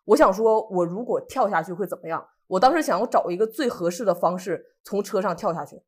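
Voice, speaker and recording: A woman's voice: medium pitch, brisk, slightly rough. A woman co-host from Northeast China telling a personal story in casual chat, acting out what people said. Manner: animated, acts out what people said.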